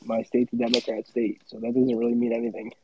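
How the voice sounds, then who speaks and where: A man's voice: medium pitch, completely flat delivery, quick pace, slight background noise, low-quality recording. A man in his late twenties in a casual podcast chat, talking in a blunt, profane and provocative way. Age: 20s.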